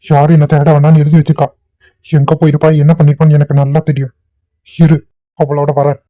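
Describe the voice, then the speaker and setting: A vengeful jilted man, played by a man threatens in a flat, slightly high voice. The homemade cartoon audio is tinny and phone-like, and very dry. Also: fast talker, no room sound, close to an everyday voice. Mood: furious. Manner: angry, threatening. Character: hot-tempered jilted man, vengeful and blustering. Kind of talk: amateur cartoon voice acting.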